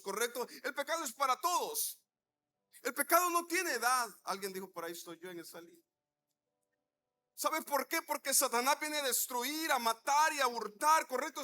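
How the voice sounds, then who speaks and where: Bright, high-voiced preacher man. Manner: animated storytelling preacher acting out dialogue; rhetorical questions to the congregation. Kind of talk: sermon.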